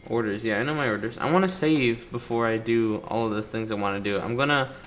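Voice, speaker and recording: A gaming YouTuber in the middle of a playthrough chatters away in slang and talks back to the game's characters, keeping things casual and playful. His voice is mid-range and fairly bright, and he talks quickly. Light video game music plays behind him.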